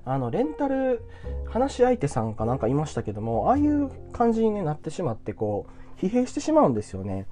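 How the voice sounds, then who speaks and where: A man's voice: fairly high pitch, huge pitch swings, brisk, dark tone, soft background music. A man giving blunt, self-assured career advice in a casual solo talk to viewers, chatty and full of little asides.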